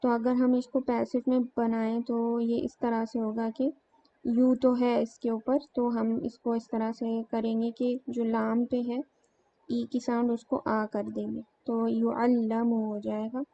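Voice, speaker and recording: Slow, flat-voiced woman teaching grammar. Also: fairly high pitch. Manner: slow, explains step by step with many fillers. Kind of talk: grammar lesson. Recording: dull lo-fi sound with faint noise.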